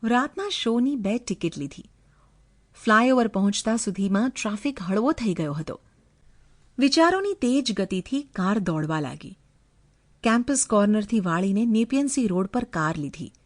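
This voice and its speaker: A woman reading a novel aloud as an audiobook narrator, with expressive, dramatic storytelling. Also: mid-range voice, normal speed, no room sound.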